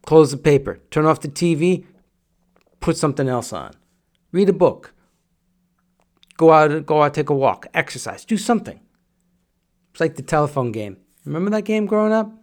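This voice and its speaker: A man's voice: a little high, darkish tone. A middle-aged man hosting a podcast, giving a direct, repetitive motivational monologue in a coaching tone. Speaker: podcast host.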